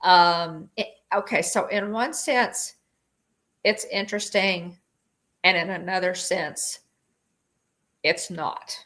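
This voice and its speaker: A woman's voice: on the low side, slow, pauses often, a bit bright. A woman hosting a casual livestream chat, reading viewer comments and talking with lots of fillers and restarts. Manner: chatty, many fillers and restarts.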